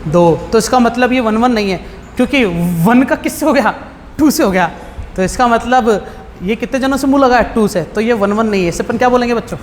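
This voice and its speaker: A man's voice: very high-pitched, brisk. A man teaching math, throwing rhetorical questions at his students in a blunt, informal way. His voice has a long reverb behind it and a faint hiss. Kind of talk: classroom lecture. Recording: hall reverb with faint background noise.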